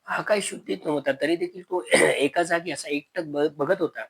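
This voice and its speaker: A man's voice: on the high side, normal speed, creaky, fairly bright tone, breathy edge, low-quality recording. A man with a Konkan Marathi accent narrating a spoken village horror story, acting out frightened calls to a missing brother.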